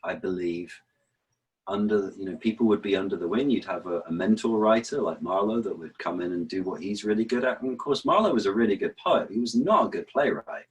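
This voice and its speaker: A man's voice: on the low side, fairly quick, breathy edge, poor audio. A man answering as an interview guest, explaining verse rhythm, often restarting and repeating words as he thinks. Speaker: interview guest, actor and author.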